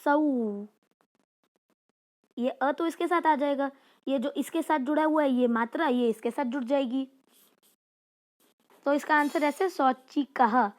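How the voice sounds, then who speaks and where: A woman's voice: high-pitched, measured pace, pauses often, darkish tone. A woman teaching a lesson. She carefully spells out words one at a time, then explains each step in a chatty teacher's way. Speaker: Sanskrit teacher. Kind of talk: classroom lesson explaining exercises.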